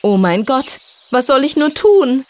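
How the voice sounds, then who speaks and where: A woman voicing a timid, anxious young boy in a storybook reading, in a high, strained boyish voice. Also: big pitch swings, unhurried, darkish tone. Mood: frightened.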